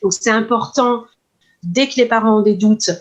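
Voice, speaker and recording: Woman speech therapist explaining slowly, lots of ums, kinda dull lo-fi sound. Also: on the high side. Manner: measured, many hesitations and fillers. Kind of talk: explanatory interview answers.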